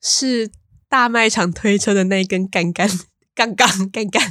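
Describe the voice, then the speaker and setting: A woman's voice: mid-range voice, normal speed, fairly bright tone, no echo. A woman with a Taiwanese Mandarin accent co-hosting a podcast, trading teasing, dry quips in casual chat. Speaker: podcast co-host.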